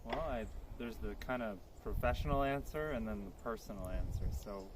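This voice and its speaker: Speaking at a normal pace in a lowish voice, this man from Poland responds to an interview outside in a thoughtful, sincere way, working through ideas aloud. The recording is very noisy, with crickets plainly heard.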